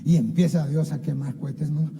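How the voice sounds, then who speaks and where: Impassioned male pastor, warm dark voice. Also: on the high side, fairly even intonation, a little fast, vocal fry, big-room sound, poor audio. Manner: impassioned, keeps addressing listeners as "hermano"; acts out biblical dialogue. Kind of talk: sermon. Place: church sanctuary.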